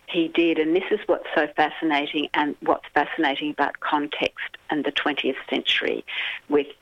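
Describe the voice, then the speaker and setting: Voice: medium pitch, level tone, moderate pace, dry recording. An interview guest telling a story in an earnest, vivid way. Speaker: guest author. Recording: dull dry lo-fi audio.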